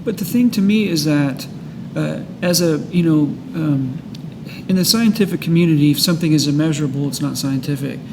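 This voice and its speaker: A man hosting a recovery book study talks casually about the book, reading passages aloud and reflecting haltingly. The background noise is clearly audible, with a low rumble.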